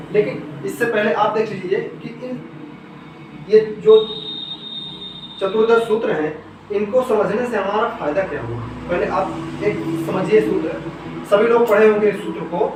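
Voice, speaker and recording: High-voiced man teaching grammar, echoey room. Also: a little slow, long pauses. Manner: asks questions and then answers them himself, repeating key terms. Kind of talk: explaining grammar rules step by step. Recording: echoey room, voice from some distance off the mic, faint noise.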